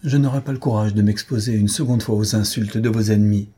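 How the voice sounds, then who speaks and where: A man's voice: on the low side, steady tone, quick pace, warm tone, breathy edge. A man reading aloud and voicing a distraught young woman actress, speaking in a raised, indignant way.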